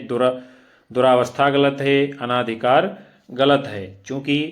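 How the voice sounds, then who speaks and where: A man teaching exam preparation, reading quiz options aloud and explaining each answer to his students in a measured, deliberate way. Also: medium pitch. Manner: addresses students directly, repeats options aloud.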